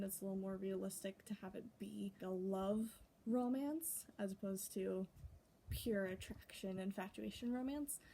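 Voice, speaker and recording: A woman's voice: medium pitch, vocal fry, dark tone, poor audio. A young adult woman chatting casually and animatedly to camera, recording herself outdoors in the wind. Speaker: vlogger talking about writing. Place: outdoors in the wind, with wind chimes nearby. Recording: windy outdoor noise.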